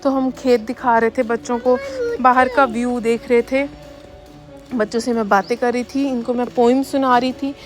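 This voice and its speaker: A young woman chatting fast in a family vlog voice-over, talking straight to her viewers. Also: on the high side, level tone. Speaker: family vlogger. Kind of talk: casual voice-over narration of daily life. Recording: voice-over with faint background music.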